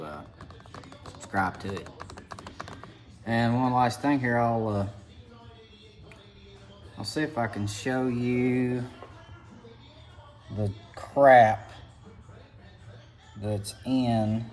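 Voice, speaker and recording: A man with an Appalachian hillbilly accent talks in a folksy, rambling way, like a mechanic giving a casual hands-on video tutorial. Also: lowish voice.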